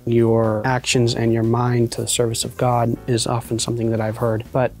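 A man in his thirties explaining his beliefs in a sit-down studio interview, measured and fond of analogies, recorded on a lapel mic. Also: mid-range voice, monotone. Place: studio set with armchair. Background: soft background music.

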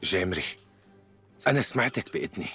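A man's voice: low voice, animated, fast talker, bright, forceful tone, faint music behind, full character voice. A man dubbing a police officer who questions a suspect with blunt, pressing questions. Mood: stern. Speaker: dubbing actor. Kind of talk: Arabic dub of a TV drama.

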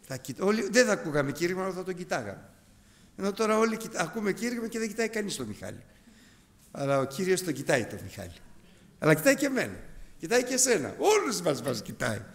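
A man in his fifties preaching a sermon to his congregation, animated and emphatic. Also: sits high. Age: 50s. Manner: animated, emphatic, addresses brethren. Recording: hall reverb.

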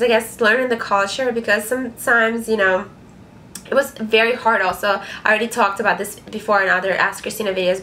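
A woman's voice: medium pitch, fairly bright tone, a little hiss or hum. A young woman from Ukraine, answering viewer questions in a casual vlog from her bedroom, frank and chatty with lots of fillers and some swearing. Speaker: vlogger. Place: small bedroom, indoors.

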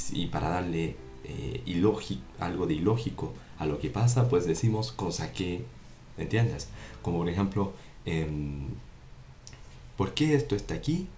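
A man's voice: sits low, mellow. A man giving a casual online French lesson in Spanish, repeating examples and often checking that the viewer understands. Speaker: French teacher. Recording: roomy echo with faint music.

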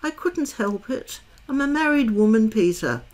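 A woman voicing a gentle grown mother, soft, apologetic and wistful. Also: fairly high pitch, lively intonation, normal speed, natural voice.

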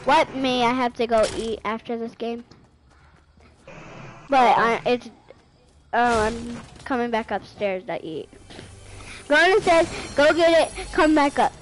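A woman streaming an online shooter, chatting casually and shrieking with excitement during fights. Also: on the high side, slow, long pauses. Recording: noisy home stream audio.

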